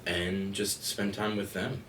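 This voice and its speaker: A man's voice: on the low side, flat delivery, takes it slowly, a bit bright. A young man co-hosting a podcast, speaking earnestly and thoughtfully in casual chat. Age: young adult. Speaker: podcast co-host. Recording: echoey room, mic at a distance, faint noise.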